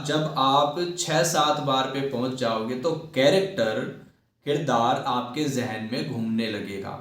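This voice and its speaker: Slow, emphatic man in echoey room. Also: medium pitch, fairly bright tone. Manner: slow, emphatic, repeats key words. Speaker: acting teacher. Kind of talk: acting lesson talk. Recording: echoey room, far from mic.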